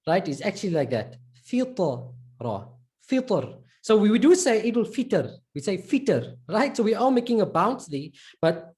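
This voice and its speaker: A woman's voice: mid-range voice, mellow. A woman teaching a live online pronunciation lesson, patiently drilling each sound by repeating it again and again. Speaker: Arabic teacher.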